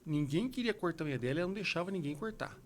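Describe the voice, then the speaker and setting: Podcast host, Brazilian man, a bit high-pitched, lively storyteller. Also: racing. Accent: Brazilian Portuguese. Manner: animated storyteller acting out quotes. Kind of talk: podcast conversation.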